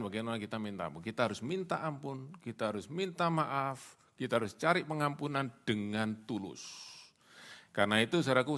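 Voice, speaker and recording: Animated man preaching with acted-out dialogues. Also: mid-range voice. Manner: animated preaching, acts out dialogues, mixes in English phrases. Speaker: pastor. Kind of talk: sermon. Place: church.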